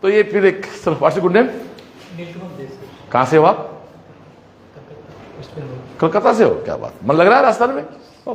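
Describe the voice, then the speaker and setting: Lively man touring a school. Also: fairly high pitch, a little hiss or hum. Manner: chatty, talks to students and camera. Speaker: coaching and school founder touring his campus. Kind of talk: live walkthrough vlog. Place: school classrooms and corridors.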